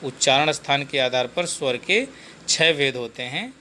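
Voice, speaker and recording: A man giving a Hindi grammar lesson, slow and repetitive, posing questions to the class and answering them himself. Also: medium pitch, animated, pushed and bright, a little hiss or hum.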